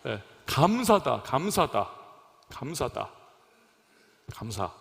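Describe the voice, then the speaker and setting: A young male pastor preaching a sermon in a church, calling out questions to the congregation and swinging between loud emphasis and soft drops. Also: medium pitch, very animated, slow pace, vocal fry, big-room sound. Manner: preaching with call-and-response to congregation. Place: church sanctuary.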